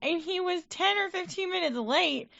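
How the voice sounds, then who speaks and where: A woman's voice: very high-pitched, animated, normal speed, gravelly, fairly bright tone, muffled recording. A woman guest on a podcast, telling work stories in casual chat and laughing as she goes.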